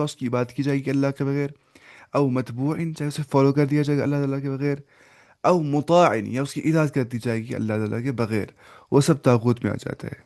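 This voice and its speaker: Explaining Quranic vocabulary step by step in Urdu, this male teacher asks and answers his own questions, slipping in English and slowly reciting Arabic. His voice is mid-range and slightly mellow.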